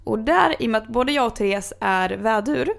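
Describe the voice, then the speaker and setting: A woman's voice: a little high, lively intonation, vocal fry. A young woman co-hosting a podcast, chatting casually and rambling with many fillers. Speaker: podcast co-host. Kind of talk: casual chat.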